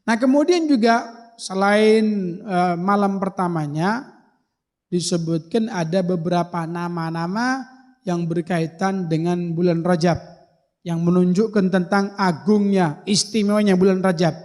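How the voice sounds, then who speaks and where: A man's voice: sits high, unhurried, darkish tone. A man giving a folksy mosque sermon, explaining Arabic terms and spelling them out. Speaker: preacher. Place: mosque hall. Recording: long hall reverb in a mosque.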